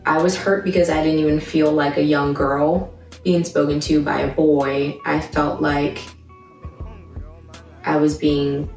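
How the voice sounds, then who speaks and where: Low-voiced woman in her twenties, off-mic. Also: level tone, a little slow, distant mic. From Baltimore, Maryland. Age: 20s. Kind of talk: personal testimony to camera. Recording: echoey room, voice from off-mic, soft music behind.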